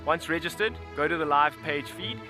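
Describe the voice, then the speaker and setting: A man with a slightly high voice introduces himself as a safari guide and host. He addresses viewers directly over clear background music. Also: normal speed.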